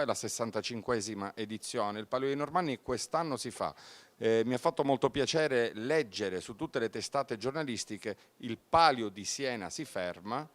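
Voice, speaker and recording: A man's voice: medium pitch, no room sound. A man from Sicily speaking earnestly and emphatically as a local official in a formal live interview, promoting an event.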